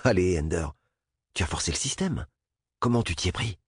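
A man's voice: low-pitched, animated, moderate pace, husky, dry recording, studio quality, full character voice. A man voicing an eager boy recruit.

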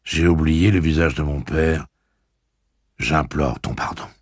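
A man reading an audiobook and voicing a proud young leader who speaks gravely and with contrition. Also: very deep voice, fairly even intonation, unhurried, dry recording, studio quality, exaggerated voice. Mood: contrite.

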